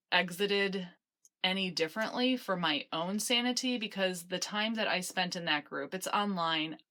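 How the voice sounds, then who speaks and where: A woman's voice: lowish voice, a bit bright. A woman talking casually and confessionally to camera as a vlogger, chatty and self-deprecating with wry asides, recorded on a phone in a small basement closet. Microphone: handheld phone.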